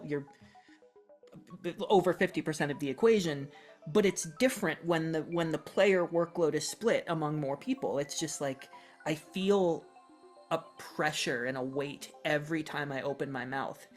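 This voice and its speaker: A podcast co-host in their thirties talking reflectively and casually, halting and self-correcting as they go. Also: medium pitch. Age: 30s. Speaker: podcast co-host and role-playing game player.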